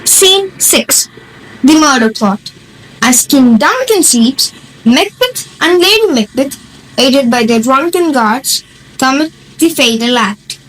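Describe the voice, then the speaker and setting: A woman's voice: sits high, expressive, slow pace, fairly bright tone, poor audio. A woman reading scripted narration for a stage play.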